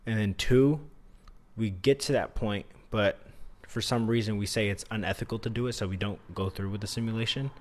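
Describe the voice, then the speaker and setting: Casual young man, lower-pitched, slangy. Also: fairly even intonation, brisk. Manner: slangy, swears freely, says dude and like. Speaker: podcast co-host. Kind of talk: casual chat.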